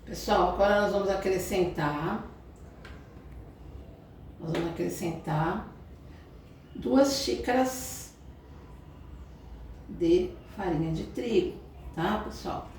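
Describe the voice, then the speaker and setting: Speaking slowly with frequent pauses, this cooking channel host has a lowish, slightly mellow voice and a Brazilian Portuguese accent. The Brazilian woman guides viewers through a home kitchen lesson, chatting about each step and checking in often. The far-off, echoey audio has slight background noise.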